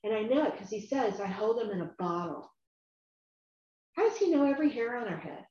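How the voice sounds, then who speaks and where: A woman hosting a casual faith discussion, earnest and animated, rambling and at times dropping to a quiet tone. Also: on the high side, fairly quick. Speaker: Bible study host. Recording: echoey room, muffled lo-fi sound.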